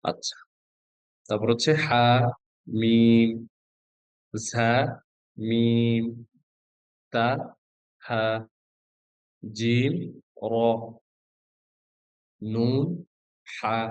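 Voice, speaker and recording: A man's voice: mid-range voice, darkish tone, smooth, no room sound. A male Quran reading teacher giving an online class, patiently naming letters one by one and quizzing his students. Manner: patient, asks students questions and spells out letters.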